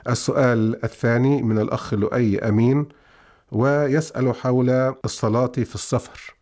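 A man's voice: mid-range voice, steady tone, moderate pace, darkish tone. A man presenting a radio programme as its host in formal Standard Arabic.

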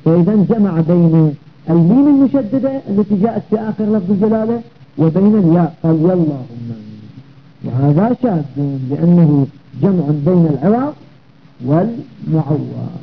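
A man's voice: high voice, animated, fast, phone-quality sound. A man teaching a grammar lesson, explaining step by step and checking understanding with rhetorical questions.

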